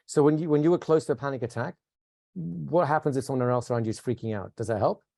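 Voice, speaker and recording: A man teaching a live workshop, talking conversationally, asking the class questions and shifting into a calm, soothing voice to demonstrate. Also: medium pitch, quick pace, vocal fry, no echo. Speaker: instructor.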